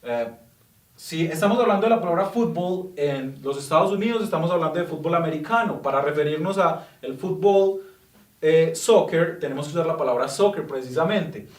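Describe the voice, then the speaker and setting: A man giving a patient, explanatory English grammar lesson, repeating example sentences slowly. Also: fairly high pitch, expressive, roomy sound, distant mic. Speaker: English teacher.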